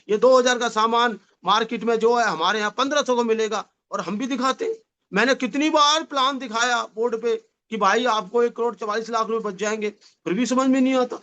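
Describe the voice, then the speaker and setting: A man giving a lively motivational sales seminar, repeating phrases and calling the audience his dear friends, with a slight touch. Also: very high-pitched. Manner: animated, repetitive, addresses audience as "my dear friend". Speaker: network marketing trainer.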